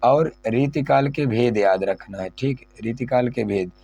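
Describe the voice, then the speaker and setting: A man's voice: medium pitch, measured pace, dark tone, dull audio, soft background music. A male teacher going over an exam syllabus, repeating key points and asking questions he then answers himself. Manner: repetitive, asks and answers own questions.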